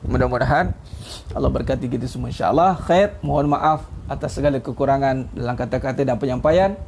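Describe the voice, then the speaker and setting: A man's voice: medium pitch, fairly quick, vocal fry, noisy background. A middle-aged man with a Malaysian Malay accent gives an informal religious talk online as an ustaz. He is chatty and teasing, and chuckles at his own jokes. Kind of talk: informal sermon.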